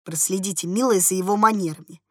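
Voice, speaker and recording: A woman's voice: fairly high pitch, lively intonation, normal speed, no echo, studio quality. A woman voicing an affected, fawning middle-aged society lady who gushes sweetly and turns disdainful. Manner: sugary and gushing, turning sharp and disdainful.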